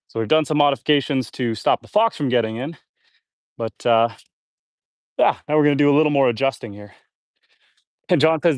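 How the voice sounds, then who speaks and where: A chatty Canadian homesteader with a mid-range voice, sounding a little congested, live-streams casually while building outdoors on his homestead. He's relaxed and reads viewer comments aloud. The audio is studio quality with no echo.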